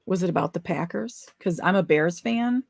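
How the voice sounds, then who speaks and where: A woman's voice: on the low side, normal speed, gravelly, dry recording. A woman co-hosting a casual live-stream chat, easygoing, with short replies. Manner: easygoing, brief replies, laughs. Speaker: co-host.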